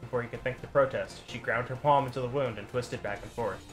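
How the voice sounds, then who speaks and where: A man reading a novel aloud in a steady storytelling way, with occasional slips and asides. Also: mid-range voice, fast, soft background music. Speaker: story reader.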